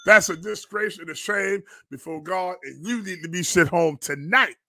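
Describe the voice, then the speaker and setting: A man with a high-sitting voice speaks at a moderate pace with a sharp tone, recorded cleanly in a studio with no echo. He's a pastor and online show host delivering fiery live-stream commentary in a preacher's cadence, indignant and emphatic, repeating phrases and firing off rhetorical questions.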